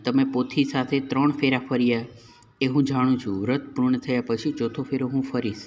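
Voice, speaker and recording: A man voicing a divine young man who speaks calmly and gently. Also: medium pitch, moderate pace, highs cut off, slight background noise, natural voice. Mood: gentle.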